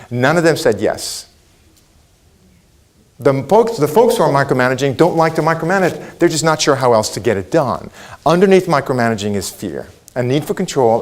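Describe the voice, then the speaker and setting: A middle-aged man from Israel whose first language is Hebrew, giving a motivational keynote, asking the audience questions and acting out quotes. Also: medium pitch. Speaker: keynote speaker.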